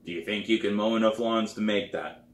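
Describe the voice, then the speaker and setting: A man's voice: fairly low pitch, a little fast, roomy sound, lightly acted. A man voicing a stern, no-nonsense male drum teacher who talks bluntly and firmly. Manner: blunt, firm, demanding.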